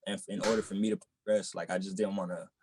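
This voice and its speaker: A young man from the Boston area, a rapper in a relaxed interview, who keeps filling his talk with "you know what I'm saying.". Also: low-pitched, racing, background noise. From Boston area, United States. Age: young adult. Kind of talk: casual interview chat.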